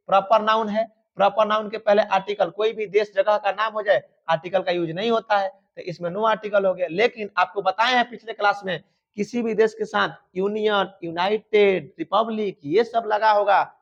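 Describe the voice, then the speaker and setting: Male teacher, high voice, emphatic and repetitive exam coaching, dull lo-fi recording. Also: normal speed. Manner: emphatic, repetitive, addresses students fondly. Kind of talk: exam-prep grammar lesson. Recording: dull lo-fi sound.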